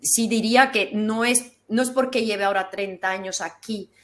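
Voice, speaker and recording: A middle-aged woman from Belgium, a guest in an interview, talking casually and thoughtfully, often pausing with fillers. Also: medium pitch, fairly even intonation. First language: not Spanish. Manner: thoughtful, searching for words with many fillers.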